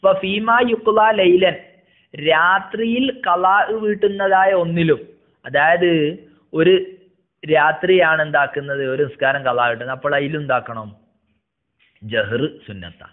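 A man's voice: fairly high pitch, unhurried, pauses often. A man teaching a religious lesson, reading out a text phrase by phrase and explaining each part. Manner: reads a phrase aloud, then explains it in steady teacherly tones. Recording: tinny phone-like sound.

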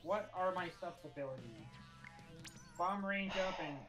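A man chatting casually while gaming, making calm, low-key remarks. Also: moderate pace, faint music behind. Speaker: co-player. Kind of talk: casual gameplay chat.

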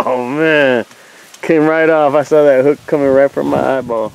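Man, 30s, fishing vlog host on a river boat; slow, excitable, laughs a lot, faint outdoor noise. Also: mid-range voice, vocal fry. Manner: excited exclamations, laughs often, talks to viewers as guys. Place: small boat on a muddy river among reeds, outdoors.

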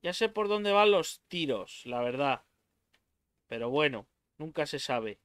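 A man's voice: fairly high pitch, sing-song, unhurried, a bit bright, clean tone, dry recording, clean studio sound. A young man with a Spain Spanish accent doing let's play commentary on a horror game, swearing freely and yelping in fright. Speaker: gaming YouTuber.

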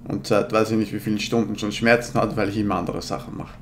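A man's voice: fairly low pitch, level tone, fast talker, slight background noise. A man in his thirties commenting casually on a game in slangy, laid-back talk, slightly slurred by new braces. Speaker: let's player.

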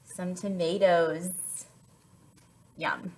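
Speaking extremely slowly in a fairly low voice, a young adult woman reads to young children at story time. Her delivery is lively and sing-song, and she keeps asking the kids questions.

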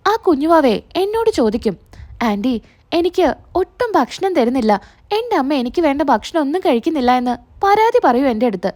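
A caring young woman from a soap story, soft and pleading as she coaxes someone to eat, voiced plainly by a woman narrator. The voice sits high and light. It stays close to an everyday speaking voice. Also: very animated, fairly quick. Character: gentle caring young woman coaxing her sister-in-law.

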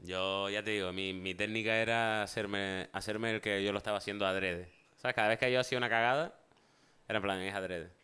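Man, animated storyteller, casual chat, bright tone. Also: on the low side, a little fast, smooth. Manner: animated storyteller, acts out voices in anecdotes. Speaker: talk show guest.

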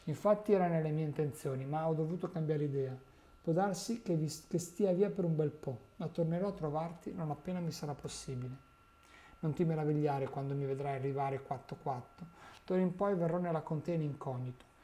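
A man's voice: fairly high pitch, brisk, warm tone, natural voice. A man reading as an old male wizard who gives earnest warnings in a grave tone.

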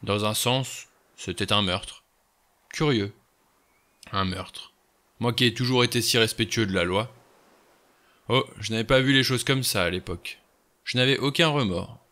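A man voicing a weary, haunted old general who speaks slowly and quietly with regret. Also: lowish voice. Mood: resigned.

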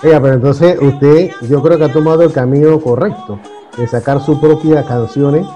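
A man's voice: on the high side, fairly even intonation, normal speed, mellow, dull audio, soft background music. A man with a Peruvian accent from Lima, hosting a TV interview in a conversational tone and ending his questions with a prompt. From Peru.

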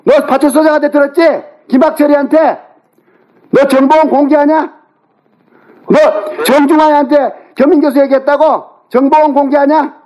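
A middle-aged man on a phone call, angrily yelling, cursing and berating the other person. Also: extremely high pitch, fairly even intonation, normal speed. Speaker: older brother on a phone call. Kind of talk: heated phone argument. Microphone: phone call recording.

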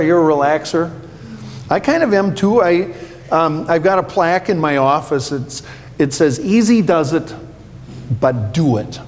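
A man pastor giving a children's sermon, playful and full of questions for the kids. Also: fairly high pitch. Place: church sanctuary. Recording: echoey church hall, faint hum.

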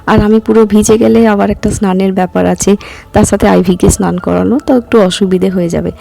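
A woman in her thirties, hoarse from a cough, chatting casually as a vlogger and walking viewers through each step. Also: medium pitch, fairly even intonation, fairly quick, warm tone. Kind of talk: casual vlog narration.

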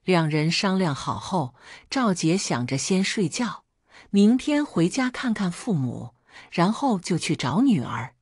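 A woman narrating a family story in a calm, even, scripted reading. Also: lowish voice, measured pace, breathy edge, no room sound, studio quality.

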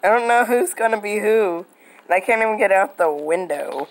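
A woman's voice: mid-range voice, expressive, normal speed, rough recording. A woman chatting casually while playing an online game, matter-of-fact and a bit sly. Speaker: gamer. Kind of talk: casual gaming chat.

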